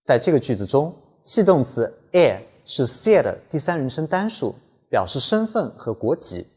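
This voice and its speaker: Male language teacher, scripted lesson read; animated intonation, slightly raspy tone, careful pronunciation drills. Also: medium pitch. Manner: careful, slows down to model pronunciation.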